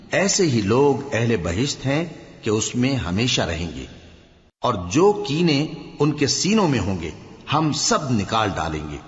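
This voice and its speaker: A man reading a scripture translation aloud in a measured, solemn way, dropping low at the end of each verse. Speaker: scripture reader. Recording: reverberant, dull lo-fi hall recording.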